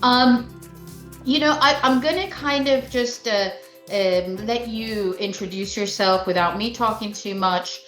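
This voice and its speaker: An enthusiastic woman sommelier hosts a relaxed interview from a call, chatting with lots of fillers. Her voice sits a little high, and the room rings with echo. Faint music hums underneath. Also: measured pace. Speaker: sommelier host. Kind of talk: casual interview chat.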